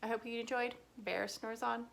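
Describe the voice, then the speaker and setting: A woman reading a picture book aloud to children, slow and expressive. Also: on the high side, vocal fry. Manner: slow, expressive, sing-song. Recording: echoey room.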